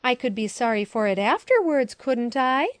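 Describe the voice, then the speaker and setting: A woman voicing an excitable, mischievous little boy who chatters eagerly in an audiobook. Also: on the high side, moderate pace, dry recording, natural voice. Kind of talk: audiobook character voice.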